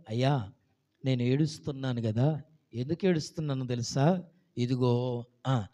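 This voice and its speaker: A male pastor telling a story in a Christmas sermon, acting out the characters' lines and breaking into loud hallelujahs. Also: fairly high pitch. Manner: animated, punctuated by loud hallelujahs.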